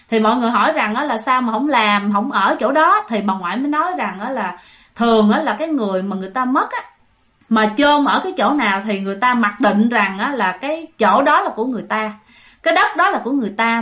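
A woman with a Southern Vietnamese accent narrates a ghost story. She talks casually to her listeners, full of little fillers, in a fairly high voice. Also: fairly bright tone. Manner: chatty, addresses listeners, many fillers.

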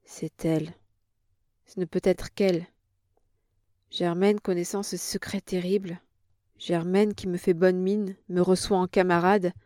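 A woman's voice: lowish voice, level tone, normal speed, darkish tone, natural voice. A woman playing a brutal, scheming villain. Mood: brooding. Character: brutal scheming male villain, middle-aged.

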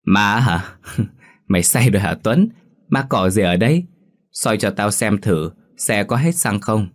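Guy doing a cocky loudmouth village kid, coarse and mocking, low voice. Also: lively intonation, measured pace. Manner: coarse and mocking, then panicked. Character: brash rowdy young village man.

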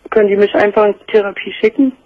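A man's voice: high voice, fairly even intonation, fast talker. A man calling a late-night phone-in, chatting in a casual, colloquial way over the telephone. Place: phone call to a radio studio. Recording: dull phone line.

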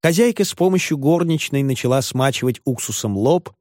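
A man reading a novel aloud in measured, expressive narration. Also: medium pitch, no room sound, studio quality. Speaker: audiobook reader. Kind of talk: scripted narration.

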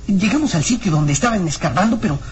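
An anxious, loyal young boy from an old radio drama, played by an actor, on a noisy recording. His pitch leaps about as he speaks, hesitant and earnest. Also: animated, fast, lightly acted. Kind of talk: radionovela acting.

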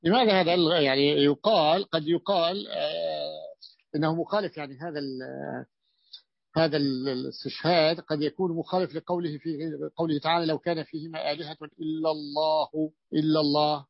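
Fast-talking sheikh teaching grammar. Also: male voice, a little high, fairly even intonation, vocal fry, no room sound. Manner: explanatory, asks students questions, many restarts. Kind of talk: classroom grammar lesson. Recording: dull lo-fi dry recording.

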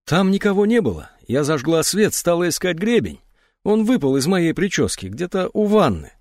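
A man's voice: sing-song, moderate pace, a little mellow, no echo, clean studio sound. A man voicing a distraught woman in shock. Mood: dazed. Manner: rambling, then shrill and suspicious.

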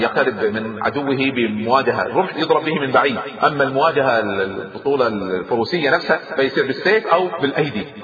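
A man giving a lively, dramatic history lecture as a storyteller, acting out the dialogue, recorded in an echoey hall. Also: mid-range voice, dull audio.

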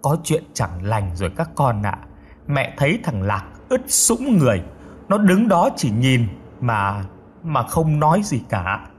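A man's voice: medium pitch, sing-song, measured pace. A shaken old grandmother, as a man reads her with a lilt, stammering and mournful in an audiobook. Her voice rises and falls widely as she pleads. Faint noise sits under the reading. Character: frightened old grandmother haunted by a dream.

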